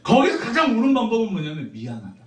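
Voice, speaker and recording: A middle-aged man preaching a sermon as pastor, conversational and animated, teasing his congregation. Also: high-pitched, fast talker. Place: church sanctuary. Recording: roomy church sound from a distant mic.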